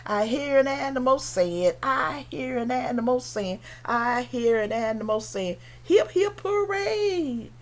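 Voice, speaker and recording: A woman teaching young children in a slow, sing-song way, with playful animal sounds. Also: on the high side. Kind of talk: singalong children's lesson.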